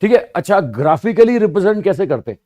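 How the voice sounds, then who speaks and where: A man teaching physics to students, explaining slowly and repeating points, often asking rhetorical questions and answering them himself. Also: high voice, sing-song, mellow. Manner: addresses students as "bhaiya" and "sahab". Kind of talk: classroom lecture.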